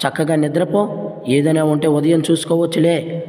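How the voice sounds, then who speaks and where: A man playing a village farmer who gruffly scolds his bull. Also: on the high side, level tone, moderate pace, dark tone, in a large hall, voice pushed up, lightly acted. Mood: angry.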